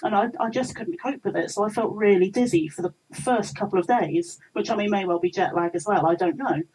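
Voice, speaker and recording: A young English woman chatting as an interview guest, talkative and quick to laugh, acting out little quoted voices as she tells stories. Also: mid-range voice, darkish tone, breathy edge, low-quality recording. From England. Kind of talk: casual interview chat.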